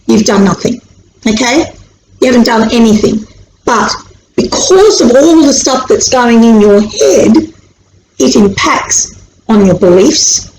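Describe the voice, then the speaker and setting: A chatty, animated Australian woman, born in Sri Lanka and raised in Australia, explains anxiety casually to camera as an educator on video. Her voice is on the high side and her pace measured, and she acts out anxious inner voices. It's picked up by a camera mic in an echoey room with a faint hiss.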